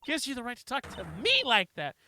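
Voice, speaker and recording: April May: a woman playing a shrill, bratty witness. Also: wildly swooping pitch, fast, bright, forceful tone, slight background noise, heavily acted. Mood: shrill outrage. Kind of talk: live game voice-over reading.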